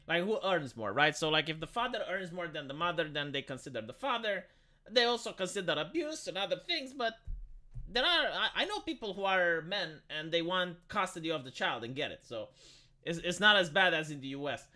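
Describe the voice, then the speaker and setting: A man with a high-sitting voice, big pitch swings and a brisk, pushed, bright delivery sounds tinny and metallic. He's a live streamer chatting casually and opinionatedly, answering comments by arguing back. He's blunt, confrontational and swears.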